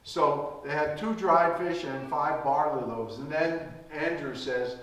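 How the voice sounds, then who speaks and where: A man's voice: on the high side, slow, a bit bright. Man, preacher, sermon, conversational, very echoey room, distant mic. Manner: conversational, keeps asking "right?".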